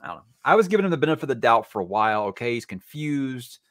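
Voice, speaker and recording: Man, podcast host, casual jokey chat, expressive swinging pitch, dry sound. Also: rapid-fire, no echo. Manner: animated, jokey, many restarts.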